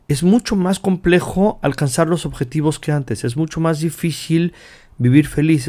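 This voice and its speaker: A man's voice: fairly high pitch, a little mellow. A man from Mexico hosting a self-help podcast, talking earnestly to the listener in long chains of repeated phrases. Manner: addresses the listener directly. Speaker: podcast host.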